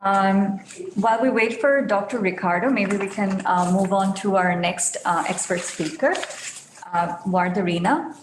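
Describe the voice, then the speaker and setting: A woman's voice: medium pitch, steady tone, unhurried, reverberant, slight background noise, low-quality recording. A woman moderating a virtual forum, introducing speakers formally with frequent ums. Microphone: video call.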